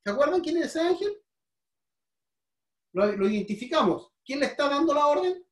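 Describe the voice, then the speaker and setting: A woman's voice: high-pitched, very animated, normal speed. A woman with a Chilean accent teaching a Bible lesson, asking the congregation questions and often repeating her words. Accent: Chilean Spanish. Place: church hall. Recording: roomy, from a distance.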